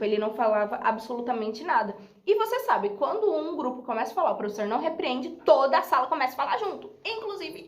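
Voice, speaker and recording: A young Brazilian woman with a Brazilian Portuguese accent, telling a story to her viewers in a chatty, dramatic way and laughing often. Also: on the high side. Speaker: YouTuber. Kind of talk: casual storytelling vlog. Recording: roomy echo.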